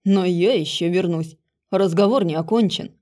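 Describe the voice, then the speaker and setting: Woman doing a gruff werewolf father from an audiobook, hoarse and snapping, pitched low. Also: moderate pace, darkish tone, lightly acted. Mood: grudging. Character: gruff angry male werewolf lord, father.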